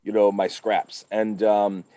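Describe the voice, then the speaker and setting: A man's voice: fairly low pitch, level tone, slow, dark tone, dry recording. A man talking as a guest on a podcast, upbeat and emphatic, with motivational swings in his speech. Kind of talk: casual podcast chat.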